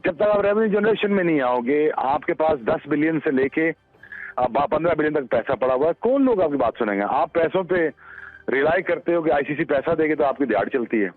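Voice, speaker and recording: Aadmi, phone jaisi patli awaaz, thodi oonchi pitch, sukhi awaaz. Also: male voice, lively intonation, a little fast, dry recording, faint music behind. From Pakistan. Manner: lecturing, forceful advice. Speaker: TV panel guest. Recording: tinny phone-like broadcast audio.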